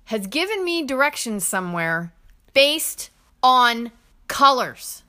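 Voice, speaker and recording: A woman co-hosting a casual podcast with her husband, teasing him in an animated way and quick to laugh. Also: medium pitch. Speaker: podcast co-host. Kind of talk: casual banter between spouses. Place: small studio.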